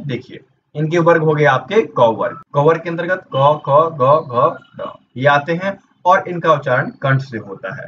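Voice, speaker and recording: A fairly high-voiced man teaches an exam-prep grammar lesson, posing questions and answering them himself as he works through each point. He sits some way from the microphone. The sound is a little dull, with a faint hiss behind him. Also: fairly bright tone. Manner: explains step by step, asks and answers his own questions. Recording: dull distant mic with faint noise.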